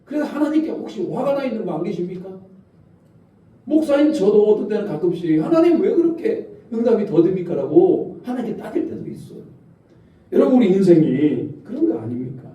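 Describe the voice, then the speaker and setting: A man's voice: sits high, big pitch swings, a little fast, mellow, muffled recording. A male pastor preaching a sermon, posing questions to the congregation. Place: church sanctuary. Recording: echoey church hall from far off.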